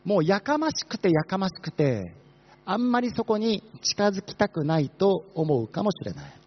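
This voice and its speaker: Quick-talking, lively man preaching. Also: sits high, husky. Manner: fast-talking, asks the congregation questions. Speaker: pastor. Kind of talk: sermon. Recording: dull lo-fi sermon recording.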